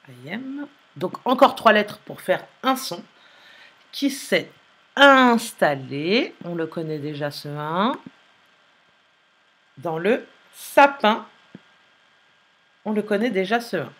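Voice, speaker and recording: A woman teacher, slowly dictating a sentence and spelling out letters in a phonics lesson. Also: medium pitch, lively intonation, a bit bright, breathy edge. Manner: slow, careful dictation, repeating and spelling letters aloud.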